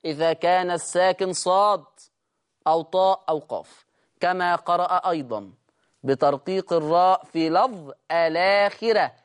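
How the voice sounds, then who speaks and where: A recitation teacher with an Egyptian Arabic accent giving a lesson, stretching words slowly and checking in with listeners. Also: mid-range voice, clean tone.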